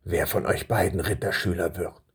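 A man with a low, husky voice plays an old king addressing his two sons. His ceremonious speeches are solemn, halting, and full of pauses as he hems along.

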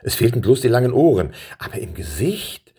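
A man reading a children's story aloud in a lively way and speaking directly to his listeners. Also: mid-range voice, fairly quick, husky.

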